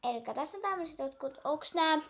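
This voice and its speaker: A young girl chatting casually while unboxing a toy, gushing and excitable, counting down aloud. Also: sits high.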